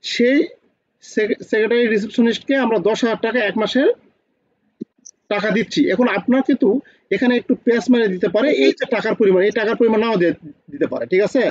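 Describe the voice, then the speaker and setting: Fast-talking high-voiced male teacher. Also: darkish tone, no room sound, highs cut off. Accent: Bangladeshi Bengali. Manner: quizzes students with repeated questions. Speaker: accounting teacher. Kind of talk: online class lecture.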